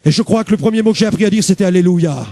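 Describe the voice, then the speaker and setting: High-pitched middle-aged preacher guy telling his testimony, really animated, acting out the dialogue, dry close sound. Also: racing, no echo. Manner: animated, acts out dialogue, bursts into shouts. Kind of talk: dramatic testimony storytelling.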